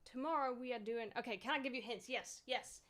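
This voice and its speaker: A young woman streaming live, chatting casually with viewers, excitable and swearing freely as she thanks them. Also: a little high, brisk.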